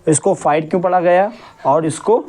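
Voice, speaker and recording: A male English teacher giving a classroom lesson, asking questions and repeating each point slowly. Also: on the high side, dark tone. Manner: drills word sounds syllable by syllable.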